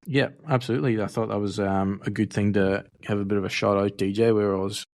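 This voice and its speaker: A man co-hosting a casual sports podcast, relaxed and teasing his co-host. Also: lowish voice, fast, no echo.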